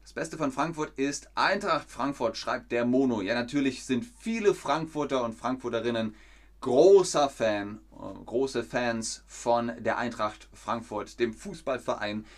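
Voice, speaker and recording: A man giving a live-streamed German lesson, reading chat comments, quizzing viewers and slowly repeating and rephrasing sentences for learners, with playful joking asides. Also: medium pitch. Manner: asks viewers questions and reads out chat comments. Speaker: German teacher.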